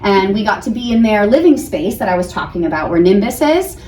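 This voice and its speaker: Her mid-range voice is mellow and sing-song, moving a little fast. She's an American-accented elementary school teacher from New Hampshire being interviewed casually, answering in a chatty, earnest way, captured on a distant mic in a roomy space with faint background noise.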